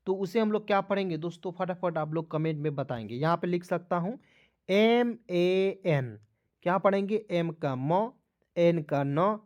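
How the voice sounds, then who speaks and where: A man's voice: high-pitched, a little mellow. A man teaching English spelling and pronunciation, drilling each word and asking the viewers questions back. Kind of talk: spoken spelling lesson.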